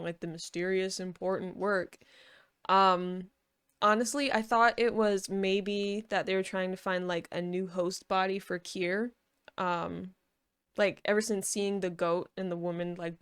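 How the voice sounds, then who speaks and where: Clear-voiced woman rambling casually. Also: fairly low pitch. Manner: informal, hedging, thinking aloud. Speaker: video reviewer.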